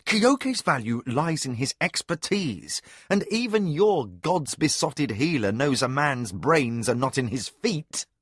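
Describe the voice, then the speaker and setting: A man's voice: mid-range voice, very animated, slow pace, few pauses, slightly rough, no echo, clean studio sound, full character voice. A man voicing a defiant barbarian warrior with a strident, nasal voice. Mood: scornful. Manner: strident, shouting.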